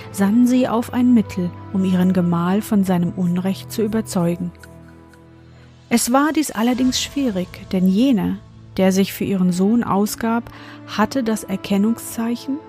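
A woman narrating a classic fairy tale as an audiobook, in a measured, expressive storytelling manner. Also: medium pitch.

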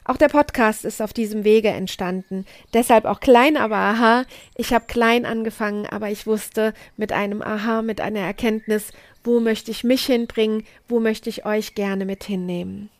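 A middle-aged woman hosting a podcast, giving a slow, emphatic motivational talk and repeating key phrases for weight. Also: medium pitch, steady tone, no room sound, clean studio sound. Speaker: podcast host and coach.

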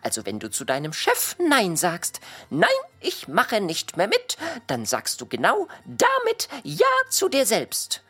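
A woman's voice: on the low side, wildly swooping pitch, measured pace, a bit bright, husky, heavily acted. A woman voicing a patient character who explains things in a children's audio drama.

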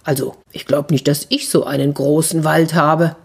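A woman's voice: low voice, steady tone, moderate pace, vocal fry, husky, full character voice. A woman storyteller voicing a polite fairy-tale king who marvels at another man's great lands. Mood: wondering. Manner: polite, wondering. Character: amazed fairy-tale king, genteel and curious.

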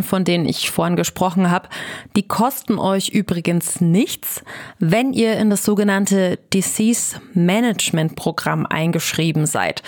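Eine Moderatorin erklärt in einem Gesundheitsformat und spricht die Zuschauer direkt an. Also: female voice, on the low side. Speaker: presenter. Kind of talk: scripted health explainer.

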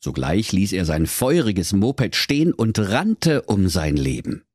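A man's voice: lowish voice, big pitch swings, slow pace, a little mellow, no room sound, clean studio sound. A man narrating a comic fairy tale playfully and theatrically, full of wordplay. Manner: playful, theatrical, pun-filled. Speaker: storyteller.

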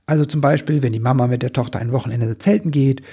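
A man's voice: medium pitch, quick pace, mellow, breathy edge. A man voicing a small, timid male Christmas elf who talks eagerly and stammers when upset.

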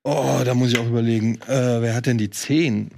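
Gravelly, grumbling man. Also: mid-range voice, steady tone, fairly quick, dark tone, a little hiss or hum. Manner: grumbling, self-deprecating. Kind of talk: casual quiz game.

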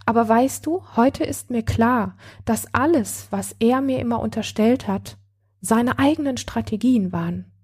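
A wounded, bitter woman confiding about her ex-partner, as a woman reads her out in a spoken story. She talks slowly and broods, her voice soft, breathy and mellow. Her bitterness comes through in blunt curses. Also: on the high side. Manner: brooding, then bitter and cursing. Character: hurt, angry woman betrayed by her ex-partner. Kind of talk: read-aloud story.

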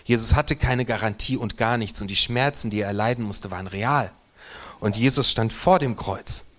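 A man preaching a sermon in a church, moving between strong emphatic stresses and quiet, near-whispered lines. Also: lowish voice, normal speed. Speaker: pastor.

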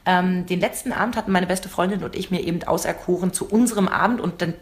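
A woman co-hosting a casual chat podcast, telling lively anecdotes and laughing often. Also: on the low side, fast. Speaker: podcast co-host.

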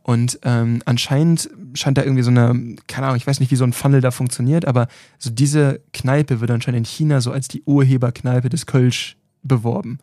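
A man's voice: medium pitch, steady tone, fairly quick, few pauses, warm tone, no room sound, studio quality. A man co-hosting a podcast, telling a story in a casual, hedging way. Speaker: podcast co-host.

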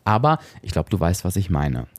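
A man's voice: low-pitched, very animated, normal speed, no room sound. A man hosting a solo podcast as a coach, speaking straight to the listener and often adding tag questions.

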